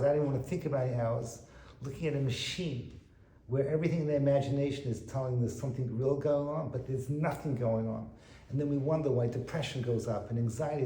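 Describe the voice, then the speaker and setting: A man giving an animated Torah lecture as a rabbi, quoting Hebrew texts and translating them. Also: medium pitch, roomy sound, poor audio. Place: private home.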